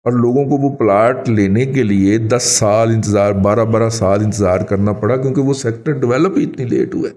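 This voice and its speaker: A man with a Pakistani Urdu accent, co-hosting a talk show and giving rambling, animated commentary. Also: hardly any pauses. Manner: animated, rambling, pitch jumps when emphatic. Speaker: co-host, elder commentator.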